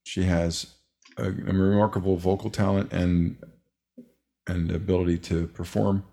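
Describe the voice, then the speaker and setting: Gravelly, husky-voiced male podcast host. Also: sits low, a little slow. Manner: rambling, relaxed, many fillers. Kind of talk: casual podcast chat.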